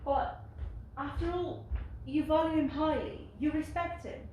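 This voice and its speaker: A woman acting a gentle elder sister on stage, softly consoling and coaxing with light laughs. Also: high voice, fairly even intonation, measured pace, dull audio. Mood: tender. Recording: distant, echoey stage with faint noise.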